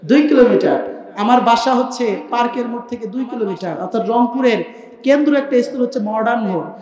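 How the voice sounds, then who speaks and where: A young male preacher from Rangpur with a strikingly high voice delivers a fervent sermon. He chants his phrases in a sing-song cadence and rises to loud shouts, calling on the crowd to answer. The sound rings through a roomy, echoing public-address setup. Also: fast talker. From Rangpur, Bangladesh. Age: young adult. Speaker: Islamic preacher. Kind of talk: fiery sermon at a religious gathering.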